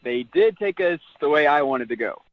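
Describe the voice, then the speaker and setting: A man's voice: on the high side, lively intonation, moderate pace, highs cut off, a little hiss or hum. A man calling into a radio show, defending himself over a bad date. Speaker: caller. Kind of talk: radio call-in chat.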